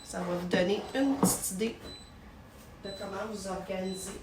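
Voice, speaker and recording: A woman's voice: mid-range voice, fairly even intonation, normal speed, very noisy. A woman with a Québécois French accent, chatting casually through a live product demonstration in her home kitchen, recorded on a phone, sometimes stumbling over her words.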